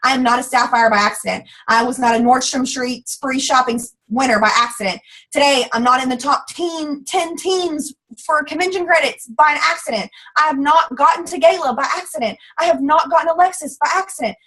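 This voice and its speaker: A woman from the American South, likely in her thirties, giving a loud, fast, emphatic motivational pep talk as guest speaker on a call. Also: high voice, poor audio.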